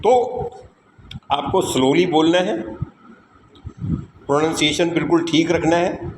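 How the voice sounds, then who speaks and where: A man with an Indian accent teaching spoken English, stressing each word deliberately and switching between Hindi and English. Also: fairly high pitch, steady tone. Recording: echoey room with background noise.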